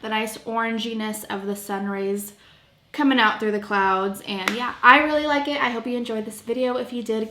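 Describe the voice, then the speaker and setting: Beauty vlogger, woman, chatty and playful, slightly high voice, roomy sound with faint music. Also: fairly bright tone. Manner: chatty and playful, trails off mid-sentence. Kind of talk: casual makeup tutorial chat.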